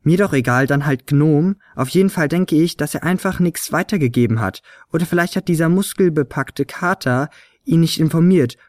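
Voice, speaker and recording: A man voicing a blunt, grumpy little female talking flute in a storybook reading, snappy and gruff. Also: on the high side, normal speed, a little mellow, no room sound, clean studio sound, lightly acted. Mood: grumbling. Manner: snappy and gruff, then worried.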